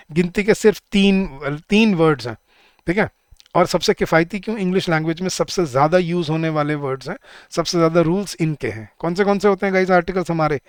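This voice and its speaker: A man's voice: high voice, dry recording, studio quality. A man teaching an online exam-prep English lesson, talking to the class in a chatty way and answering his own questions.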